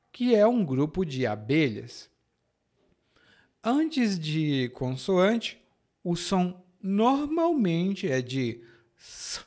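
A man from Ceará with a Brazilian Portuguese accent from that state, teaching a podcast lesson and spelling out example words slowly and carefully. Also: fairly high pitch, darkish tone. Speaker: language teacher.

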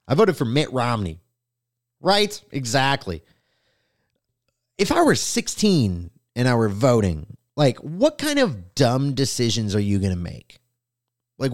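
Man, podcast host, comedic monologue, sarcastic, profane, animated pitch.

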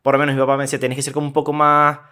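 A young man with a Venezuelan accent, casually telling a story on a podcast, slangy and animated, acting out what people said. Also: medium pitch, racing, clean tone. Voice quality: animated, slangy, acts out quoted voices. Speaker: podcast co-host.

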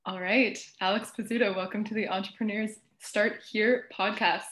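A woman hosting a podcast, asking relaxed, friendly questions in casual chat. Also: mid-range voice, moderate pace, soft background music. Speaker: podcast host. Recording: echoey room.

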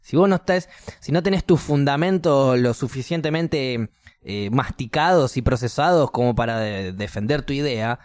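Young Rioplatense male co-host, lively storyteller who does voices, dry close sound. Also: mid-range voice, normal speed, no echo. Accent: Rioplatense Spanish. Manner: animated storyteller, acts out voices. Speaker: podcast co-host. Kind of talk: casual chat.

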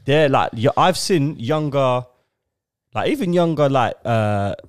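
A man's voice: mid-range voice, animated, unhurried, clean tone, dry recording, clean studio sound. A young man with a London accent chatting casually as a podcast host, full of slang and repeating phrases for emphasis. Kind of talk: casual banter.

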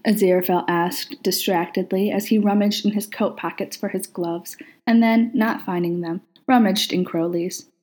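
A woman narrating a story aloud in a calm, even storytelling manner. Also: mid-range voice, normal speed, hardly any pauses. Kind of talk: reading fan fiction aloud.

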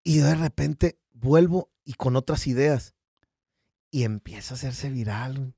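Mexican man, lively slangy storyteller. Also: mid-range voice, unhurried, creaky, husky, dry recording, clean studio sound. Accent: Mexican Spanish. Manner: animated storyteller who acts out quotes, slangy and profane. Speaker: podcast guest, business founder. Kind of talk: casual podcast chat.

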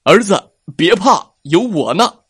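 A woman's voice: sits low, expressive, slow, slightly rough, no echo, studio quality, pitched above the performer's own voice, heavily acted. A woman voicing a protective father bear in a children's storybook reading. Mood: reassuring.

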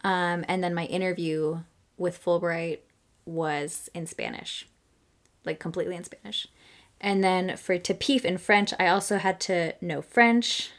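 With a lowish voice, steady tone and measured pace, this young woman co-hosts a podcast. Her casual chat rambles along with plenty of fillers and laughs.

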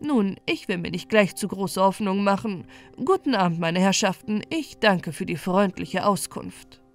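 A woman's voice: mid-range voice, measured pace, soft background music, close to an everyday voice. A woman voicing a greedy, sly male pike with a nasal twang while reading a storybook. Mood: smug. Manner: smug, sly politeness.

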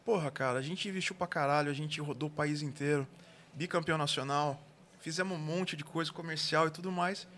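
Animated, high-pitched man with caipira Brazilian accent. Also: fairly quick, a little hiss or hum. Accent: caipira Brazilian Portuguese from interior São Paulo. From interior São Paulo state, Brazil. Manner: animated, slangy, acts out dialogue. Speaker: guest, barbecue cook and gastronomy consultant. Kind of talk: casual storytelling.

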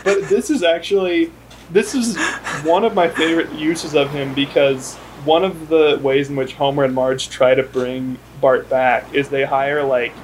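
A man with a slightly raised pitch chats on a podcast. He is animated and laughs mid-sentence, and he uses many fillers. A faint hiss runs behind him. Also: measured pace. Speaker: podcast co-host. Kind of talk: casual chat.

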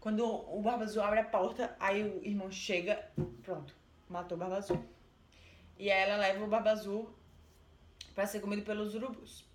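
A woman with a Brazilian accent retelling a folk tale and explaining it in a chatty, animated way. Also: mid-range voice, moderate pace, pauses often, a little hiss or hum. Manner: chatty, animated, with many fillers. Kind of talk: casual storytelling and explanation. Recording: roomy echo.

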